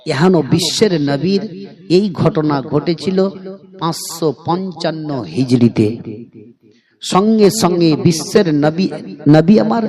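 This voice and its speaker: A man preaching a sermon in a chanting, sing-song style, rising into high cries and urging the listeners to respond. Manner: urges the crowd to respond.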